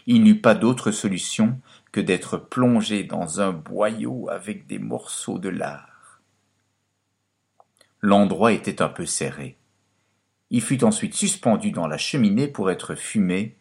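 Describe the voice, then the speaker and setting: A man narrating a fairy tale in a scripted, expressive storytelling manner. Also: sits low, creaky. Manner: expressive storytelling, lively and dramatic.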